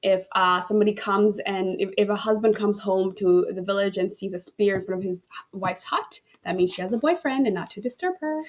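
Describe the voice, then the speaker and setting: Woman from kenya chatting on a podcast, mid-pitched, lots of ums and restarts. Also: brisk, hardly any pauses. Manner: thoughtful, with frequent ums and restarts. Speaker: guest, relationship coach. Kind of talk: conversational storytelling.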